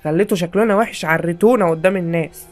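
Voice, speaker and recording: A high-voiced young man with an Egyptian Arabic accent, talking fast as he plays a horror game. He swings between panic and exasperation, shouting at the characters, and soft music plays underneath. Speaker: gaming YouTuber. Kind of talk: horror game let's play commentary.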